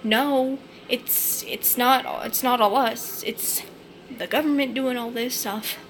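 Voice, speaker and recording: A woman's voice: on the high side, fairly even intonation, slow, a bit bright, slight background noise. A tired young woman from New England, hosting a casual live stream, rambling and chatty with lots of fillers and the odd angry curse. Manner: rambling, chatty, with many fillers and swearing outbursts.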